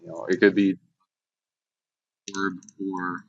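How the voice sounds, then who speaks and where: Here a man with a low, fairly flat voice hosts a halting talk about spiritual matters, drifting off topic and swearing casually at times. The recording is an amateur one, muffled and noisy with audible clicks.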